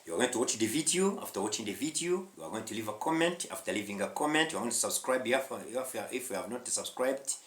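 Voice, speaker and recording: Teaching English online, a man from Rwanda addresses viewers directly in an emphatic style, repeating himself and dropping in short questions. He speaks with a Rwandan accent in an animated, fast, slightly bright medium-pitched voice, with hardly any pauses. An echoey room colors the sound.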